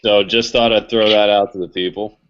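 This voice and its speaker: Man, deep voice, relaxed joking co-host, muffled lo-fi recording. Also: a little fast, noisy background. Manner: loose, swearing, joking. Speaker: podcast co-host. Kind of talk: casual chat.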